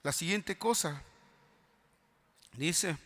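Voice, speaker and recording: A man preaching a fervent sermon as pastor, swinging from quiet appeals to loud shouted cries. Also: on the high side, drawn-out words. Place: large convention hall. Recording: long hall reverb.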